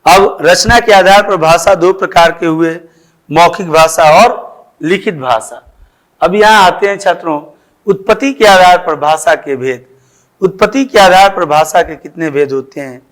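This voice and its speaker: A man with an Indian accent teaches a school grammar lesson in a fairly high voice. He speaks slowly and deliberately. He draws out each example phrase so that students can follow. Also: a bit bright. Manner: slow, deliberate explaining with drawn-out example phrases.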